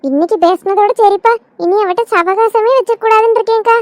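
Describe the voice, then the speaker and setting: A woman's voice: extremely high pitch, a little fast, no echo. A woman voicing a young wife in a cartoon, chatty and grumbling. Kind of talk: cartoon comedy voice acting.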